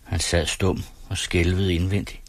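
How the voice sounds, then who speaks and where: En mand, der læser en novelle op i et roligt, afmålt tempo. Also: male voice, sits low, flat delivery, no room sound. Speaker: audiobook narrator. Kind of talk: scripted narration.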